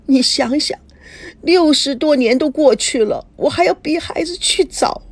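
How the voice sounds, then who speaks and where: A woman's voice: sits high, unhurried, no room sound, pitched above the performer's own voice. A woman voicing a grieving elderly grandmother who speaks tearfully with a quavering voice in a storybook reading. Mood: weeping guilt.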